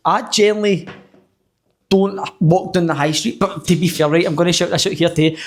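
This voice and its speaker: Scottish barber, 20s, high-pitched, rapid-fire, sweary animated storyteller, casual podcast chat. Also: male voice.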